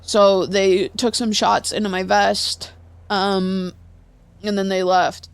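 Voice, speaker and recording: Gravelly-voiced woman venting profanely. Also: mid-range voice, little pitch movement, slow, no echo. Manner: rambling, profane storytelling. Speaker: roleplay streamer. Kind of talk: in-character roleplay chat.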